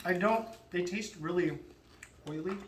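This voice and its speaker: High-pitched man in an echoey room. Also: measured pace, distant mic. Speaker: snack reviewer leading a panel review. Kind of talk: casual group chat review. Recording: echoey room, faint background noise.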